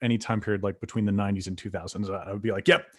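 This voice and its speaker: A man's voice: on the low side, little pitch movement, racing, a little mellow, dry recording, studio quality. A man co-hosting a casual chat about acting, talking in a laid-back, easygoing way with plenty of fillers. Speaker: co-host.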